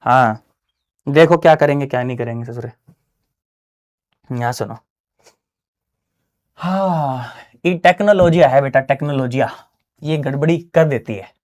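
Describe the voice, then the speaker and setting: A man teaching physics in a relaxed, slangy online lesson from a small closed studio, who keeps checking in with his students. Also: medium pitch, measured pace, long pauses. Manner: chatty, slangy, keeps asking "है ना?". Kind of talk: casual online exam-prep lesson.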